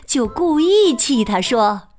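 Brief: female storyteller, unhurried sing-song read-aloud, bouncy swooping pitch. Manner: slow, expressive and sing-song. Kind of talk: children's picture-book read-aloud.

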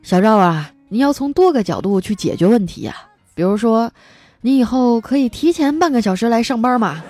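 A woman's voice: fairly high pitch, lively intonation, fairly quick, darkish tone, no echo, soft background music, pitched above the performer's own voice. A woman voicing a smug office boss who talks down in a lecturing way. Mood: patronizing.

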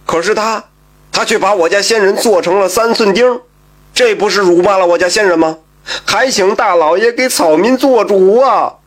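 A man's voice: sits high, animated, normal speed, a bit bright. A man voicing a sly, whining village scoundrel who pleads and argues in a raised voice in a told folk story. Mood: brazen.

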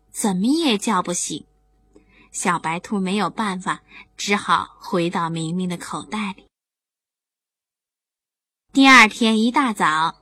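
A woman narrating a children's bedtime story in an animated, sing-song, expressive way. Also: mid-range voice, slightly rough.

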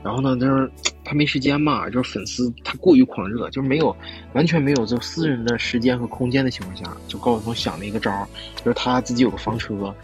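A man's voice: medium pitch, fast, faint music behind. A man co-hosting a podcast, chatting casually and telling anecdotes. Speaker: podcast co-host.

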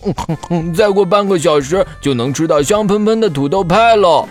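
A man voicing a timid, food-loving, excitable little male pig in a children's audio story. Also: high-pitched, moderate pace, faint music behind, lightly acted. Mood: cheerful.

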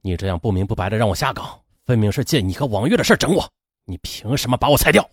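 A man voicing a laid-off husband who is humiliated and simmering with anger, speaking low and quiet. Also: sing-song, fast talker, slightly rough, no echo, studio quality, heavily acted. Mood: accusing.

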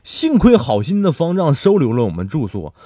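A lively, joking man tells comic stories as a show host. His voice rises and falls widely, and it sits a little higher than most men's. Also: normal speed, no echo, studio quality. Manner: lively, jokey, breaks into laughter. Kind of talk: comic storytelling with acted-out quotes.

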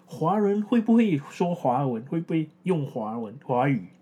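Low-voiced Malaysian woman speaking halting Mandarin. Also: very animated, dark tone, husky. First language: English-schooled Malaysian Chinese, non-standard Mandarin. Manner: hesitant non-native-like Mandarin, searching for words and repeating herself. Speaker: podcast co-host. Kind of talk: casual unscripted podcast chat.

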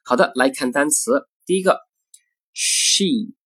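A man's voice: on the high side, lively intonation, a little fast, a bit bright, slightly rough, dry recording. A man teaching English pronunciation, speaking carefully and saying each word twice as a model. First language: Chinese. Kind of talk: recorded phonetics lesson.

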